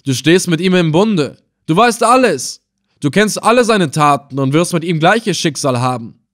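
A man voicing a cruel, scornful male slave trader in an audiobook, threatening and loud. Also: mid-range voice, animated, measured pace, close to an everyday voice. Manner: sneering, threatening. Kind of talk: audiobook character voice.

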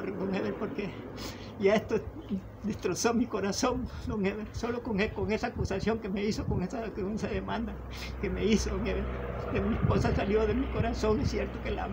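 A man's voice: sits high, creaky, background noise. A Honduran man, a father speaking emotionally in a conversation, pleading and repeating himself. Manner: pleading, repetitive, keeps addressing the listener by name. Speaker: interviewee, father.

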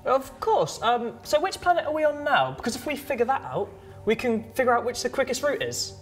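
A woman's voice: on the high side, very animated, fairly quick, faint music behind. A woman co-presenting a children's show, cheerful and explaining things step by step.

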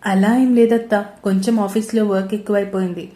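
A woman's voice: medium pitch, fairly even intonation, fairly quick, mellow, natural voice. Woman reading as a caring young man. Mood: gentle. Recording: roomy echo.

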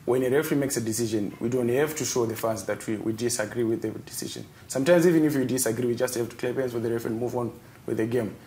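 A man's voice: mid-range voice, fast talker, mellow, slight background noise. A young man from Zimbabwe, a football club captain, answering interview questions earnestly in a TV studio and repeating words as he searches.

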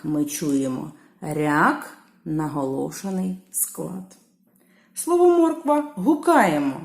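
Woman teacher, slow lesson, sing-song calling of words, lower voice, echoey room. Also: animated, vocal fry. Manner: calls out words, stretching the stressed syllable. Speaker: primary school teacher.

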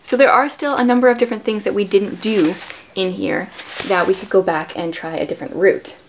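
Indoors in a small furnished room, a woman in her thirties who homeschools her kids hosts a casual book chat, explaining things and prompting with questions. She talks briskly in a medium-pitched voice with fairly even intonation. The low-quality recording carries slight background noise.

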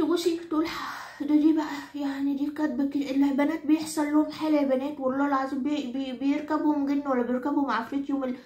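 Her voice sits high and sounds natural, with a roomy quality to the recording. As a comic character monologue, this woman plays an Egyptian grandmother of almost ninety, nagging yet henpecked by her husband, who rants to the audience in an Egyptian Arabic accent, scolding, repeating herself, and swearing exaggerated oaths.

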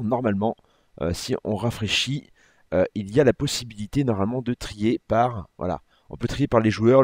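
A man's voice: mid-range voice, darkish tone, no echo. Man giving a dry, chatty game walkthrough. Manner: chatty, loose and self-correcting as he clicks through menus. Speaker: gaming channel host. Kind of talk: casual gameplay walkthrough commentary.

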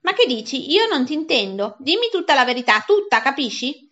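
A pompous, theatrical school directress in a storybook reading, put on by a woman. She declaims in a high, bright, sharp voice, stretching her alarm. The recording is dull and lo-fi. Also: very animated, fairly quick. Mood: stern. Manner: dramatic, declaiming. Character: pompous shrill middle-aged school directress.

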